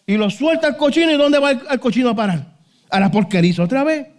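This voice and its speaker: A man's voice: extremely high pitch, expressive, quick pace. A male pastor preaching a fervent sermon, peppering it with "brother" and "hallelujah" and firing off rhetorical questions. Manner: fervent preaching, constant "hermano" and "aleluya" interjections; rhetorical questions, voice rises and falls sharply.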